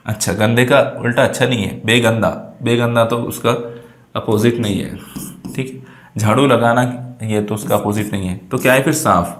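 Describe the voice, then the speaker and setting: A male teacher who explains vocabulary exam answers step by step and keeps checking that his students follow. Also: mid-range voice. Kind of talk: exam prep lesson. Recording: echoey room sound.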